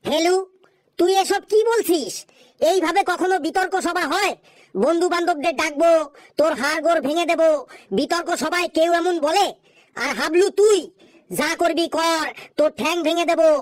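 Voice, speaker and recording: A sarcastic male schoolteacher who scolds his pupils, voiced by a woman in a comedy cartoon. The voice sits high and is recorded dry, with no room sound. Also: moderate pace, dry recording. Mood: angry. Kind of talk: cartoon voice acting.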